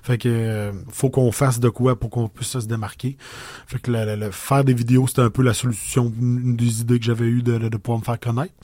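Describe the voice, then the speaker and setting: A man with a Québécois French accent casually tells his story as an interview guest, pausing and restarting a lot. His mid-range voice is warm but flat in delivery, with no room sound.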